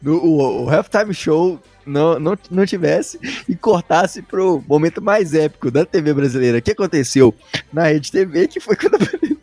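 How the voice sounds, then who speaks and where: A man's voice: fairly high pitch, lively intonation, normal speed, darkish tone, dry recording, soft background music. A man with a Brazilian accent hosting a casual sports podcast, chatting in an informal, jokey, stop-start way. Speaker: podcast host.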